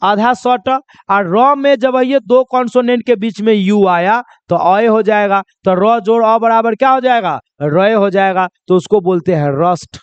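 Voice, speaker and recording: With a clean, high voice in lo-fi audio lacking room sound, a male pronunciation teacher conducts a lesson. He spells words out slowly, asks and answers his own questions, and keeps repeating the main points.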